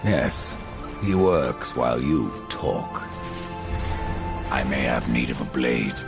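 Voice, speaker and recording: An actor playing Death, a grim and sardonic horseman, with a gravelly, menacing delivery in a video game cutscene. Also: a bass voice, animated, takes it slowly, music in the background, exaggerated voice. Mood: dry, probing. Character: grim, sardonic horseman Death, deep-voiced male Nephilim.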